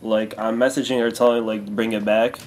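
A man's voice: lowish voice, flat delivery, fairly quick. A man in his twenties making a casual prank phone call in an earnest, hesitant, oversharing way full of fillers. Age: 20s. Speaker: prank caller. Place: small bare-walled room indoors. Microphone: camera a few feet away. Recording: noisy room recording.

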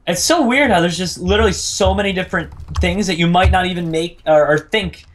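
A man's voice: high voice, fairly quick. A man in casual gameplay chat, bantering playfully and repeating his phrases. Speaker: gaming video host and player.

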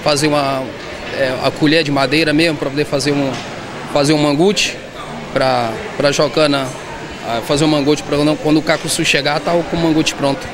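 A high-voiced man from southern Bahia, Brazil, an artisan, answers a reporter's handheld mic in a street interview inside a shopping mall. His delivery is flat and halting, full of repeated and restarted words, with loud background noise throughout.

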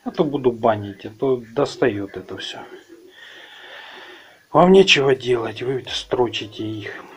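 A man with a Ukrainian accent talks through a car repair outdoors, filming his own hands on a handheld camera. His pace is slow, and his talk is plain and rambling, with mid-range pitch. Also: lively intonation, rough recording. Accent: Ukrainian-accented Russian. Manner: unhurried, rambling, plain-spoken. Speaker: car repair video host. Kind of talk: casual how-to vlog.

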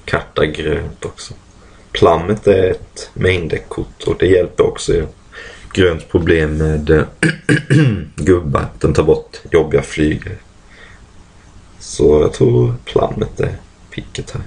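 Very deep gravelly husky man. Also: darkish tone. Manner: thinking aloud, many fillers, clears throat often. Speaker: card game player commentating a draft. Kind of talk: casual draft commentary.

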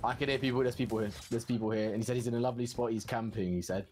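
A man's voice: medium pitch, steady tone, racing, darkish tone, a little hiss or hum. A man in casual squad voice chat during an online shooter, calling out enemies and repeating words under pressure. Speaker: gamer in a squad.

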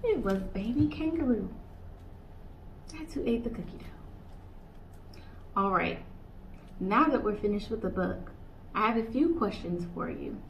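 Speaking at medium pitch with lively intonation, a young American woman reads a picture book to children in a playful sing-song at a measured pace, her voice creaky and broken by long pauses. She works as a children's librarian and is recorded in a small indoor room; the sound is slightly distant, dull, and faintly hissy.

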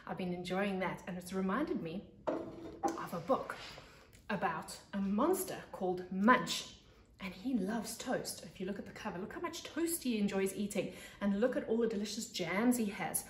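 A South African pre-primary teacher in her thirties, with a mid-range voice, reads a children's story with expressive, deliberate emphasis, as if at storytime. She sits on a living room couch by large windows, recorded by a camera mic a couple of metres away in an echoey room, with a little hiss or hum.

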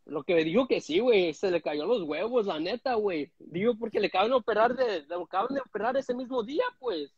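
Calling in as a guest on a live stream from a room at home, an American man rambles through crude stories in casual chat, stumbling over many restarts. His voice is high and husky, with big pitch swings, a fairly quick pace and hardly any pauses. Picked up by a phone's front camera at arm's length, the audio sounds dull and dry with no room sound.

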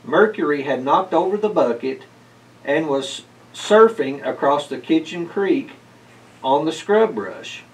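Narrating a children's story in a bookshelf-filled library room, the middle-aged library board chair speaks unhurriedly with lively intonation. His voice sits on the high side. He is far from the mic, and the recording is rough.

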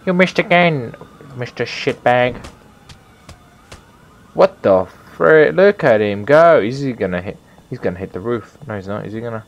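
A man giving casual, excitable gameplay commentary, swearing often and shouting at the characters on screen. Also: medium pitch, moderate pace, long pauses, muffled recording. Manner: excitable, swears a lot, talks to the game characters. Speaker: gaming commentator.

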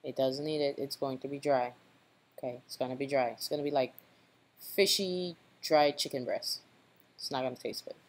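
A woman's voice: a bass voice, normal speed. A woman hosting a cooking channel, talking through a recipe step by step and often checking in with "okay?". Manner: instructive, repeats tips with a checking "okay?". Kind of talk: cooking tutorial voice-over.

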